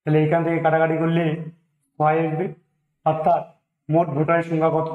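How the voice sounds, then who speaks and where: In an exam-prep maths lesson, a teacher with a Bengali accent works through percentage problems aloud, counting every step and mixing in English number words. His voice is a little high for a man and monotone, his pace brisk, and the echoey room comes through phone-quality sound.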